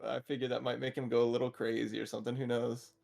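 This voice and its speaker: A man at a tabletop game chats casually about his plans. He laughs easily and rambles, filling his speech with "like." His voice has a gravelly rasp. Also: medium pitch, level tone, fast talker, a little mellow, faint music behind. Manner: giggly, rambling, says "like" often. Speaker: player.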